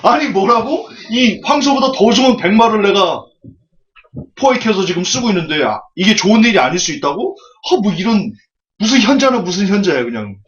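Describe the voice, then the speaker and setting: A man voicing a hot-tempered farmer who shouts his complaints, on a dull lo-fi recording. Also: a little high, very animated, brisk. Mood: indignant. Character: hot-tempered male farmer, loud and indignant.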